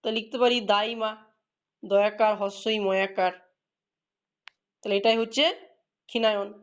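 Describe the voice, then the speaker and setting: A woman teacher, giving a classroom lesson. She explains step by step, asks her students questions and praises their answers. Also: fairly high pitch. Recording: dull lo-fi recording.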